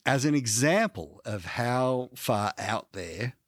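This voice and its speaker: An Australian man co-hosting a casual comedy podcast, pitching ideas in an animated way and laughing often. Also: slow, no room sound, clean studio sound. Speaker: podcast co-host.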